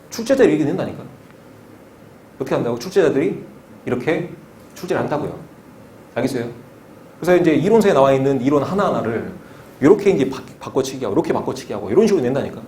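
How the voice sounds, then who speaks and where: A man's voice: medium pitch, a little mellow. Drilling male instructor in an echoey room. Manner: constant checking questions and drilling, repeats key terms. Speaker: maritime exam instructor. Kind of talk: lecture to exam students. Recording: echoey room with faint noise.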